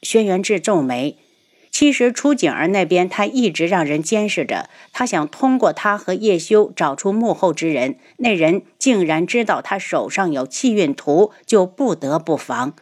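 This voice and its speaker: Lively-toned female audiobook narrator, lowish voice, expressive. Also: moderate pace. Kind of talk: scripted novel narration.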